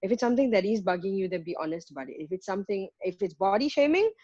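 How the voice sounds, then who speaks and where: A woman's voice: medium pitch, lively intonation, very fast, mellow, dry recording, dull audio. A woman, a guest singer talking frankly and reflectively, making her points one by one. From Malaysia. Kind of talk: candid conversational interview.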